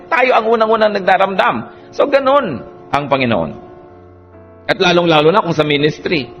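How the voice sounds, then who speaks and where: A male preacher delivers a sermon in a mid-pitched voice. He is animated, dropping soft and then rising to emphatic, lifted lines. Faint instrumental music plays behind him. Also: lo-fi sound.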